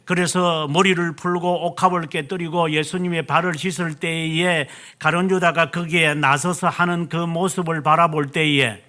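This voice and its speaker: A middle-aged male pastor preaching a sermon, stressing key words slowly and answering himself with "yes". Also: on the high side, sharp tone.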